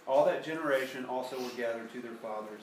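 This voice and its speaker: A man in a church group reading a Bible passage aloud in a steady, measured way. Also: medium pitch, slight background noise. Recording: distant voice in an echoey room.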